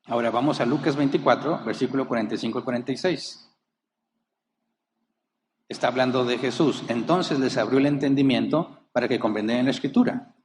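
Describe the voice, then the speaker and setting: A pastor preaching with force and intensity, a man of medium pitch who stresses key words and keeps asking his congregation rhetorical questions. His voice echoes through a church hall with a long reverb, and faint background noise sits under it. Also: brisk. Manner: emphatic preaching that rises and falls, with rhetorical questions. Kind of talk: sermon.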